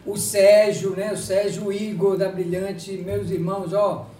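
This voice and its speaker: A man hosting a live talk show, jovial and chatty, giving sponsor shout-outs. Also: sits high, level tone, measured pace, roomy sound, distant mic, a little hiss or hum. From Brazil. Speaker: host.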